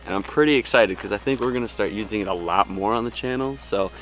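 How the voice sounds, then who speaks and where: A man's voice: fairly low pitch, fast talker, fairly bright tone. A young man talking upbeat and friendly to the camera from a campsite and a small tent, recorded on a camera mic. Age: young adult. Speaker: camping vlogger. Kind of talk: casual vlog to camera. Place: truck bed tent and campsite outdoors.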